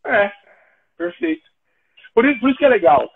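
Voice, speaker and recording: A man's voice: very high voice, brisk, creaky, breathy edge. A man with a Brazilian Portuguese accent, hosting a live talk and telling stories in a casual chat. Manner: animated, acts out dialogue in his stories. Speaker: host of a live talk show. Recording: tinny phone-like line.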